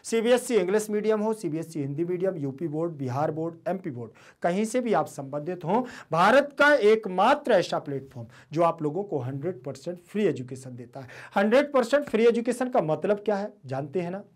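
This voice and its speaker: A man's voice: high voice, big pitch swings, a little fast, hardly any pauses. Man teaching, repeating every point. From India. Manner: repeats each meaning and asks rhetorical questions. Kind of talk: online lesson explaining a Sanskrit text.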